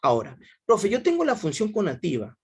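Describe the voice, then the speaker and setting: A man's voice: high-pitched, huge pitch swings, fairly quick, husky. A male teacher giving a class over a video call, repeating himself often and quizzing his students. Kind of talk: online class lecture.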